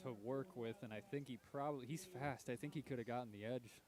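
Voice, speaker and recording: A man giving color commentary on a local high school football game, breaking down plays and hedging his calls. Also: a little fast, darkish tone. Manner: thoughtful, analytical, hedges his calls.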